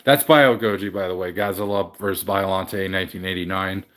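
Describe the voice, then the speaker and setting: A man's voice: low-pitched, fairly even intonation, fairly quick, fairly bright tone. A man hosting a casual livestream from his game room at home, greeting viewers and rambling through his collection with frequent restarts. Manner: rambling, self-correcting. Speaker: livestream host. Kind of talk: casual chat with live viewers.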